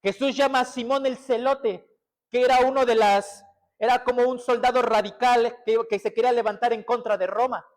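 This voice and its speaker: A pastor delivers a sermon in a strikingly high voice. He fires rhetorical questions at the congregation and answers them himself. His delivery swings between loud, urgent emphasis and quiet, close passages. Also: fairly even intonation, moderate pace.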